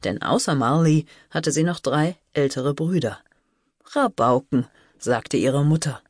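A woman narrating an audiobook in slow, measured storytelling, close to a studio mic. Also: low-pitched, a little mellow, husky, no room sound.

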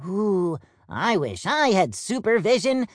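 A man's voice: high-pitched, big pitch swings, slow, no echo, clean studio sound, pitched above the performer's own voice, heavily acted. A man voicing a peppy, playful purple peacock in a storybook audiobook, with chirpy, bouncy delivery. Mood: chipper. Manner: chirpy British-style slang, bouncy.

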